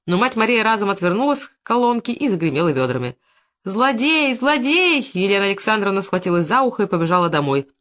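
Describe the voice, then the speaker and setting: A woman narrating an audiobook in an expressive literary style. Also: medium pitch, very fast, few pauses.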